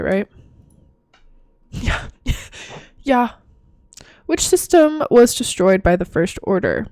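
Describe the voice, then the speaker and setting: A woman's voice: fairly high pitch, a little mellow, no echo, studio quality. A tired young woman chatting casually through a quiz, giggly and self-mocking. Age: young adult. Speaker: vlogger. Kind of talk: casual chat doing a quiz.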